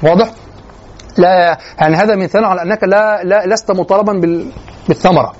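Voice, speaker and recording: A man giving a classroom lecture on classical poetry, often stopping to ask the class whether it is clear. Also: high-pitched, steady tone, fast talker. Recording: dull lo-fi classroom recording.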